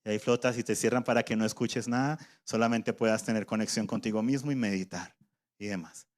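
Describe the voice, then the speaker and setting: A man's voice: lowish voice, fairly even intonation, fairly quick, a little mellow. A man preaching a sermon in a conversational way, voicing imagined objections from his listeners.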